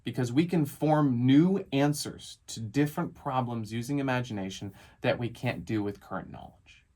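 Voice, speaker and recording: A man's voice: medium pitch, normal speed. A man, a father and realtor, hosting a casual monologue and animatedly telling a story about his young son. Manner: animated, acts out his child's lines. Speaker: realtor and podcast host.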